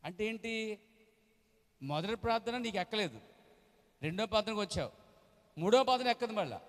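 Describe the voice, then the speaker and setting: Pastor, male, high voice, sermon delivery with big dynamic swings, long hall echo. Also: animated, brisk. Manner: swings from low asides to shouted acted-out quotes. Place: church hall.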